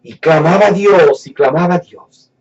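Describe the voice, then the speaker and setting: A man giving a fervent sermon testimony, dropping to hushed low lines and rising to raised fervent ones, slowing down to stretch words for emphasis. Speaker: preacher giving his testimony. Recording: distant mic, dull lo-fi sound.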